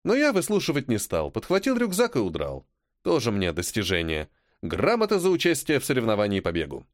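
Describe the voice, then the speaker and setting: Male first-person audiobook narrator, wry, very animated delivery, dry close mic. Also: medium pitch, a little fast, no echo.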